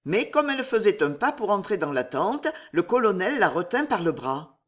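A woman narrating a classic novel with expressive, animated delivery. Her pitch moves a lot, rising and falling through each sentence. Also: moderate pace. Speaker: audiobook reader.

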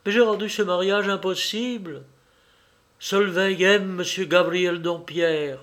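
A man's voice: sits high, fairly even intonation, slow, fairly bright tone, pitched above the performer's own voice. A man voicing a distraught society lady. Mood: anguished. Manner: pleading, confessional. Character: anxious, remorseful society lady, woman.

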